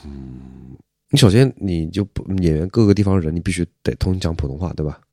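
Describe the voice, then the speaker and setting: A man's voice: low voice, lively intonation, brisk, mellow, dry recording, clean studio sound. A man co-hosting a podcast in casual chat, blunt and critical in a matter-of-fact way. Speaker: podcast co-host.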